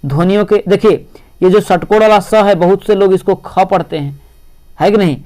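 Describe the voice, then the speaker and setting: A man's voice: high-pitched, moderate pace, darkish tone. A male teacher giving an exam-prep lecture, explaining step by step and repeating "see" often.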